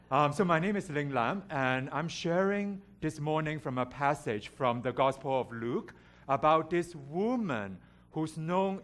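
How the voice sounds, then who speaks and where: A man's voice: a little high, fairly bright tone. Candid Hong Kong-raised man preaching. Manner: candid, self-deprecating, with light humor. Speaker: guest preacher. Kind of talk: personal storytelling sermon. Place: church sanctuary.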